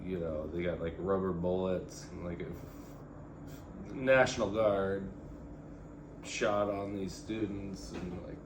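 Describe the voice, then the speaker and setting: A young man co-hosting a podcast, chatting casually and prompting with halting questions. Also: low-pitched, flat delivery. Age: young adult. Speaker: podcast co-host. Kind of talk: casual interviewing chat. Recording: echoey room, faint noise.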